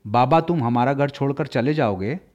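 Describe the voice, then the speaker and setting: A man voicing a curious, tender-hearted young girl who asks bright, pleading questions in a storybook reading. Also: mid-range voice, normal speed, lo-fi sound, natural voice.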